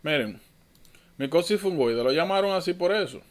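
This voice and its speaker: Man, medical tutor, online lecture, higher voice, informal, self-correcting. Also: expressive, normal speed.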